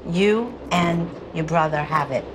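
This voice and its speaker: A woman's voice: lowish voice, a little slow, background noise. A middle-aged woman, a psychic medium, declaring her visions like a fortune teller as she walks through a space. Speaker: psychic medium, host of a haunting show. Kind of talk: spiritual reading while walking through a space. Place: old New York apartment building, city street at start. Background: background music.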